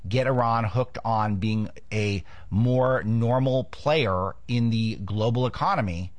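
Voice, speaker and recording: A man's voice: medium pitch, takes it slowly, no room sound. A man from Los Angeles hosting a political commentary show, talking off the cuff with frequent restarts. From Los Angeles, United States.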